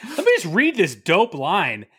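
A man co-hosting a casual podcast chat about a play, talking in lively bursts and reading verse aloud with loud drama. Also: sits high, unhurried, husky. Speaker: podcast co-host.

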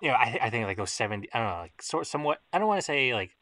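A man's voice: mid-range voice, big pitch swings, very fast, a bit bright, no room sound. A man hosting a casual podcast chat, rambling and hedging with lots of fillers. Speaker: podcast host.

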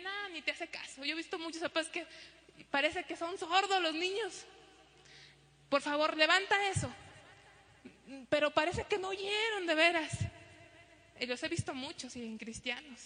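Animated woman preaching in a hall. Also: sits high. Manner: animated, acts out child and parent voices. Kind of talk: sermon to a congregation. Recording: long hall reverb.

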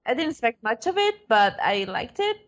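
A woman hosts a casual chat with friends, her voice sitting a little high. She sounds upbeat and teasing, though tired, and she records while lying on her bed at home over a remote call. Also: big pitch swings, moderate pace, a bit bright. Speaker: podcast host.

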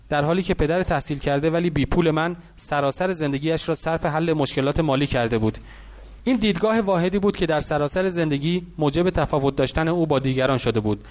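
A man giving an even, reflective audiobook narration. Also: fairly high pitch.

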